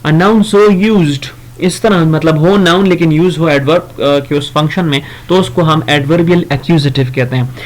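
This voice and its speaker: In a grammar lesson, a man with a slightly high voice reads each example slowly and carefully. He then explains it in a relaxed, conversational way, pausing on fillers and correcting himself along the way.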